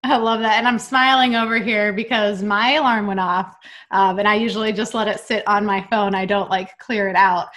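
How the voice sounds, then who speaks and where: A woman's voice: mid-range voice, moderate pace. A woman hosting an interview, chatting casually and telling stories animatedly, acting out what people said. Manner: animated storyteller, acts out quotes. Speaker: podcast host.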